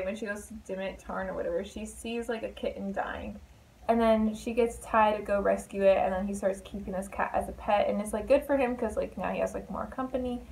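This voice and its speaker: A woman's voice: mid-range voice, creaky, rough recording. A young woman chatting casually as a book vlogger, full of fillers and asides.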